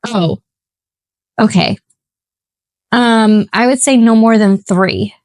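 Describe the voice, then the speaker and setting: A woman's voice: fairly high pitch, takes it slowly, a little mellow, dry recording, rough recording. A woman co-hosting a podcast, chatting casually in a rambling, self-deprecating, jokey way. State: just recovered from flu. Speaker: podcast co-host. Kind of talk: casual chat.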